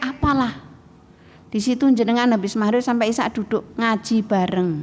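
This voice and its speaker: A woman giving a lively religious talk to women, often asking her listeners questions. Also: on the high side, a little hiss or hum. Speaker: religious teacher. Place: mosque hall. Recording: echoey hall with faint ambience.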